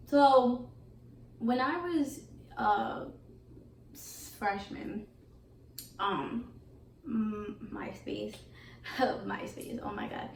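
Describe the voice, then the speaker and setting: A woman's voice: mid-range voice, extremely slow, gravelly, long pauses, distant mic. A young woman tells a casual storytime to her viewers, chatty, candid and full of slang. Her voice sits back from the microphone in a room with a noticeable echo. A faint hiss runs underneath. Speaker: beauty vlogger.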